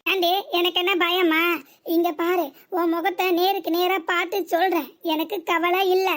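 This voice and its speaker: A woman's voice: very high-pitched, level tone, moderate pace. A woman voicing a worried, scolding middle-aged mother in a cartoon comedy, with a southern Tamil Nadu accent and a nagging, exasperated way of talking.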